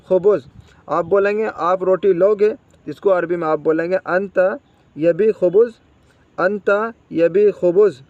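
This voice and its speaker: A man's voice: sits high, a little mellow, no echo, lo-fi sound. A man teaching spoken Arabic vocabulary, repeating each word and quizzing the listener.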